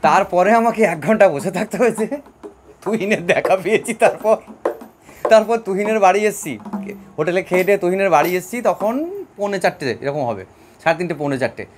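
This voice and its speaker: A man's voice: high-pitched, animated, fairly quick, slight background noise. A man from Bankura district in West Bengal, rambling chattily with many fillers as he reviews a new instrument he owns. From Bankura district, West Bengal, India. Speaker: instrument owner giving a review. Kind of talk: casual spoken review.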